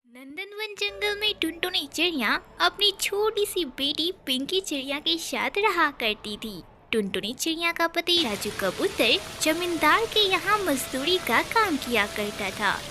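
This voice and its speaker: A woman narrating a cartoon moral story in a dramatic, expressive way. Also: extremely high pitch, a little slow, a little hiss or hum.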